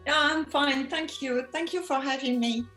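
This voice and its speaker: A woman from France with a French accent, speaking English as a guest in a casual interview, talking slowly with many pauses and soft laughs. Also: high-pitched, over music. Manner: slow, halting, many ums, soft laughs. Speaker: guest artist. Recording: echoey room.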